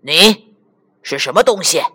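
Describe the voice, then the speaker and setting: A woman voicing a big male lion who speaks hesitantly and slowly. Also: sits low, animated, sharp tone, husky, exaggerated voice. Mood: wary. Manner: hesitant, drawn-out. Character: big roaring lion, male, grand then scared.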